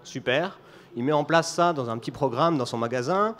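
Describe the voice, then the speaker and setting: A man's voice: mid-range voice, lively intonation, moderate pace, fairly bright tone. A man with a Belgian French accent speaks at a conference in a mid-range voice. He explains his point through a running example and often restarts his phrases as he goes. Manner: storytelling explainer with frequent restarts. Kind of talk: conference talk.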